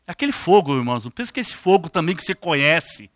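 A man's voice: fairly high pitch, racing, dry recording, studio quality. An older man with a Brazilian accent preaching a sermon, putting questions straight to his congregation. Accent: Brazilian Portuguese. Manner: animated, questions the congregation directly.

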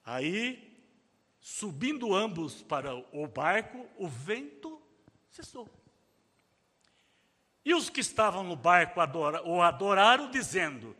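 Animated high-pitched preacher in a reverberant hall. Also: male voice, takes it slowly, pauses often. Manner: dramatic, shouting out quoted cries. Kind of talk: sermon.

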